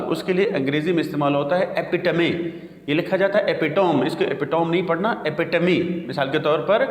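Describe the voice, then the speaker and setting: A man gives a pronunciation lesson in a slightly high voice, slowing down to spell each word out. The room is bare and echoey, with a long reverb tail behind him. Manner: slow, deliberate spelling out of words. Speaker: English teacher.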